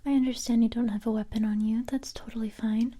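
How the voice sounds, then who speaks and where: Woman playing Jill Valentine, whispering calm recruiter. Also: a little high, natural voice. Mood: calm, businesslike. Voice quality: breathy, whispered. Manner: gentle, unhurried, hushed, matter-of-fact. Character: calm, confident female police special-forces recruiter. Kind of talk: soft-spoken ASMR roleplay.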